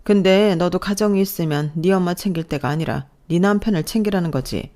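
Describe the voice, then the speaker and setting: Snobbish older mother-in-law, contemptuous and scolding, low mellow tone, read by a woman. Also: a little fast, close to an everyday voice. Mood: scornful scolding.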